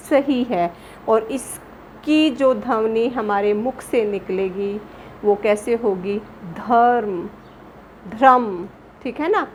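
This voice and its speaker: A woman's voice: a little high, a little mellow, slight background noise. A woman teaching a grammar lesson to children, patiently repeating words and asking them questions.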